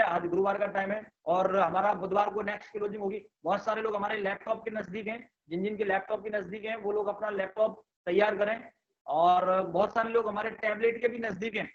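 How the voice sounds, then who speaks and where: A high-pitched man with a fairly bright tone conducts an online sales training, heard through a muffled recording. He explains step by step, repeats points, and checks for understanding.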